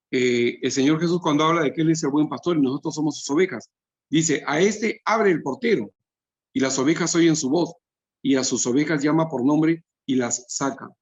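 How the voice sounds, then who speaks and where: A man's voice: on the high side, muffled recording. A man, a pastor preaching a sermon to couples, quoting scripture and asking rhetorical questions.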